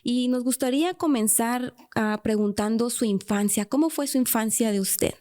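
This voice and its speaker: A woman hosts a church radio interview in a fairly high voice with a soft, mellow tone. She is devout and often breaks in with praise and amens between her questions. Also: moderate pace. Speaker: radio show host.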